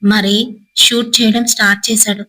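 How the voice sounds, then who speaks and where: A woman's voice: level tone, normal speed, pushed and bright, poor audio. A woman narrating a horror story, acting out the characters' frightened cries. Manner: dramatic, voices characters' cries with a raised pitch.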